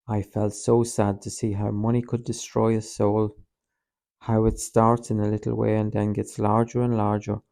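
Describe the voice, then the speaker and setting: A man narrates a book in the first person with a calm, measured, gentle delivery. His voice sits low and sounds mellow and relaxed. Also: vocal fry. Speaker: audiobook narrator.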